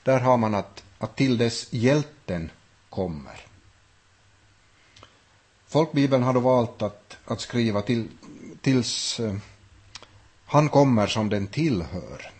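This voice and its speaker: A man's voice: medium pitch, lively intonation, long pauses, a little mellow, breathy edge. A man teaching a Bible study, thinking aloud with frequent restarts and hesitations. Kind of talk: unscripted Bible study talk.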